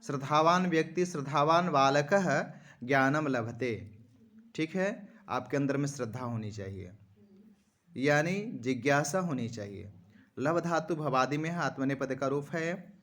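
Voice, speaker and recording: A man teaching Sanskrit grammar, slowly reciting verb forms one after another and speaking directly to his students. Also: medium pitch, lively intonation, fairly bright tone. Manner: slow, measured recitation of lists, addressing students directly. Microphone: phone screen recording.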